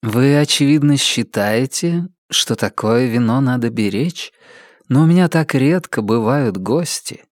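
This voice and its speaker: An ancient angel from an audiobook speaks slowly and solemnly, played by a male reader. His tone is gentle and wistful, a little higher than the narration. The sound is dry and close. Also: animated, dry recording, lightly acted. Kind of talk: audiobook character voice.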